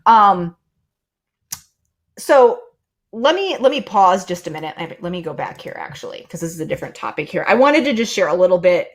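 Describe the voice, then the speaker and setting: A woman's voice: lowish voice, sing-song, moderate pace. A middle-aged woman hosting a live stream, talking casually and thinking aloud with fillers and restarts. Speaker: host.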